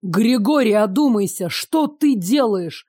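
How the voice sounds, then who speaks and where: A woman's voice: medium pitch, expressive, measured pace, dark tone, husky, dry recording, studio quality. A woman reading an audiobook, voicing an earnest young male hero who reasons urgently with his captors. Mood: urging.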